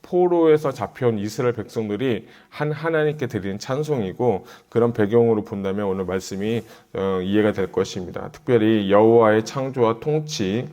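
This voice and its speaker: A man's voice: on the low side, moderate pace, hardly any pauses, mellow. A middle-aged male pastor giving a Bible exposition sermon, talking through his thoughts casually and turning earnest and urgent when he urges his listeners. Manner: conversational, thinks aloud, grows urgent when exhorting.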